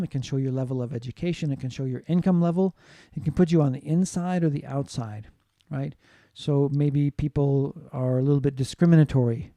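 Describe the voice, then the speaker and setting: Lecturing his class on phonetics, a U.S. man who teaches English keeps a steady explanation going, regularly checking in with "right?" His voice is medium-pitched and warm, recorded without echo.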